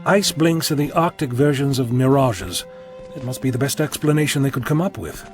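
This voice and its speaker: A man's voice: mid-range voice, normal speed, over music, lightly acted. A man playing an eccentric, flippant time-travelling doctor in an audio drama, theatrical and playfully sarcastic. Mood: wry, assured.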